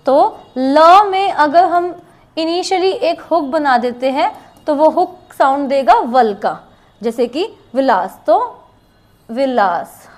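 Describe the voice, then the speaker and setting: High-pitched woman, unhurried shorthand teacher who repeats each example. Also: lively intonation, a little mellow. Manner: slow, repeats each example word twice. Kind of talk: classroom lesson with board writing.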